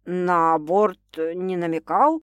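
Lady doing a brash skeptical sister, punchy slang, loud, dry audiobook. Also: fairly low pitch, slow pace, clear, resonant tone, no echo.

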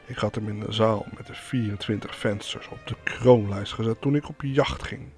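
A man's voice: fairly low pitch, moderate pace, faint music behind, natural voice. A man voicing an earnest young fairy-tale hero who pleads and gives urgent instructions, close to his own voice. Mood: pleading. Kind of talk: storytelling with put-on voices.

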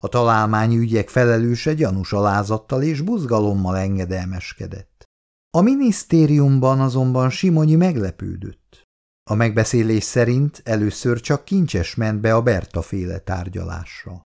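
A man reading a novel aloud as narrator in an expressive, animated reading voice. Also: on the low side, creaky.

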